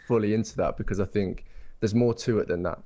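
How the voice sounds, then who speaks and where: A young Englishman with a fairly low, mellow voice talks fast as a guest architect on an interview show. In casual chat he rambles thoughtfully, full of ums and false starts, circling back on what he's said.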